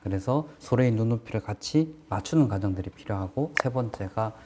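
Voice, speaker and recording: A man's voice: lowish voice, animated, a little fast, background noise. A man giving a casual explanatory lecture on construction management, plain-spoken and asking rhetorical questions as he teaches.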